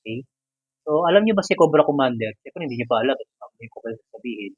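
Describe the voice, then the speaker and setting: Husky-voiced man reviewing a toy. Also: mid-range voice, animated, fast talker, no echo, narrow, tinny audio. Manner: joking, chatty, mixes in English words. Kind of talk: casual unboxing review.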